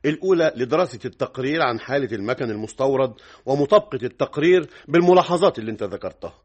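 A stern, probing director-general, played by a man, with an Egyptian accent questions his clerk firmly. His husky voice moves at a brisk clip. It sounds like an old radio drama recording. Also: medium pitch, lo-fi sound, natural voice. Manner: firm, questioning, authoritative. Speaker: department director Mohsen Bey.

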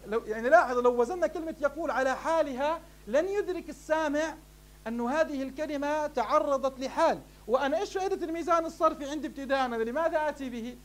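Very high-voiced fast-talking sheikh. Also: male voice. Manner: poses questions to students and answers them himself; addresses the class warmly as "beloved ones". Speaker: sheikh teaching Arabic morphology. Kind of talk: classroom lecture.

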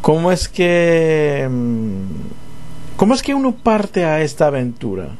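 A man's voice: fairly high pitch, big pitch swings, slow, a little mellow, slight background noise. A man hosting a radio interview, rambling and restarting his questions as he goes. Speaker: radio show host.

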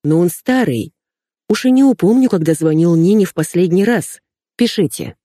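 A woman's voice: on the low side, lively intonation, normal speed, warm tone, no room sound, clean studio sound. A woman voicing a timid, fearful aging male poet in an audiobook reading, nervous and muttering.

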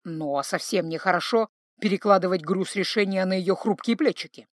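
Woman reader as conniving fake veteran, low mock-sorrowful sighs, dry read. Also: brisk, dry recording, natural voice. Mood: fretting. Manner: sighing, mock-tragic, sanctimonious. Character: scheming sly middle-aged man, posing as veteran.

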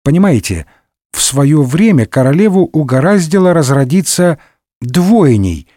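A man's voice: on the high side, sing-song, unhurried, warm tone, no echo, clean studio sound, pitched above the performer's own voice. A man doing a smug scheming cardinal. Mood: condescending. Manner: smug, condescending, wry. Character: scheming, sardonic male cardinal, middle-aged. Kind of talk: audiobook character voice.

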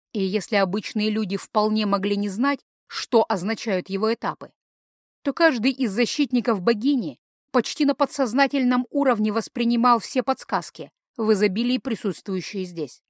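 Calm woman narrating an audiobook, dry close sound. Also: on the high side, moderate pace, no room sound. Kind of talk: scripted narration.

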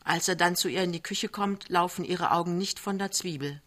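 Woman reading a novel, slightly low voice. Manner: even, measured storytelling. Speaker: reader. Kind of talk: literary reading on radio.

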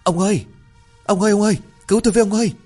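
Guy doing a freaked-out village wife screaming for help, really high and loud. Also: very fast, husky, soft background music, close to an everyday voice. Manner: shrill panicked cries for help. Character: frightened middle-aged village wife.

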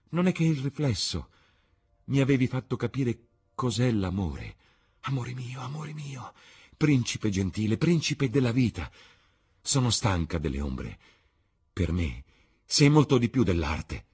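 A man putting on a lovestruck young actress, raised pitch, husky, exalted and pleading. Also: darkish tone, heavily acted.

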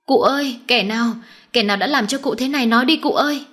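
A woman's voice: sits high, fast talker, voice pushed up, close to an everyday voice. A woman voicing a panicked young servant boy. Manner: frantic cries for help.

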